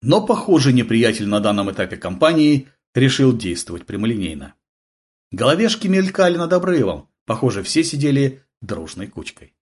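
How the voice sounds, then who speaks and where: Male audiobook narrator, husky tone, very animated delivery for action scenes. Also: mid-range voice, normal speed. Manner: vivid, dramatic storytelling.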